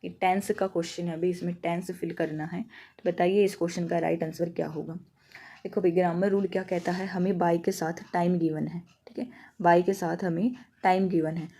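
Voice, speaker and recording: A woman with a Haryanvi Hindi accent teaching an exam-prep grammar lesson. She explains each rule step by step, asks questions and answers them herself, and reads example sentences slowly. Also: lowish voice, little pitch movement, warm tone.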